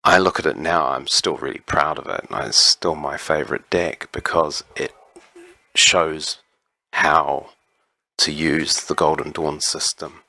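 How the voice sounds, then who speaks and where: A man answering interview questions about his writing in a relaxed, measured way, often pausing with an um. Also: extremely low pitch, creaky. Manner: measured, explanatory, with frequent ums. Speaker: interview guest, writer on magic.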